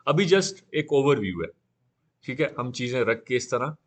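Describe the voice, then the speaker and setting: Guy teaching a 3d class live, chatty and relaxed, says okay a lot between steps. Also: medium pitch, measured pace. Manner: casual, repeats "theek hai" often. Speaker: 3D software instructor.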